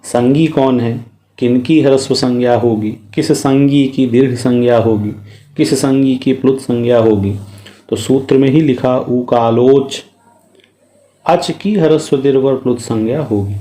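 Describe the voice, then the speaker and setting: Mellow-voiced man teaching Sanskrit grammar. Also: mid-range voice. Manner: methodical, explanatory, recites sutras slowly. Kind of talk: recorded grammar lecture.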